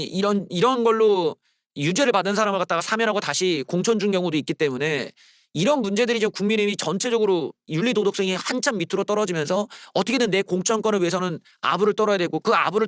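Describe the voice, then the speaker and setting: A man hosting solo political commentary, blunt and scornful, ranting with rough slang. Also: sits high, no echo, studio quality. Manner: mocks slogans in loud shouted bursts.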